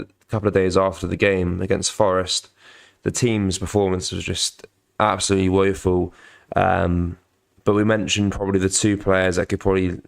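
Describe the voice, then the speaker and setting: A young man hosts a casual live football watch-along for his channel, his low-pitched voice croaky from a cold. He reads viewer comments haltingly, with plenty of ums.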